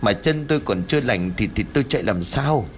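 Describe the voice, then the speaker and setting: A man's voice: mid-range voice, normal speed, a little hiss or hum, voice pushed up, natural voice. A man voicing a frightened, injured old village man who stammers and sounds bewildered in a horror audiobook.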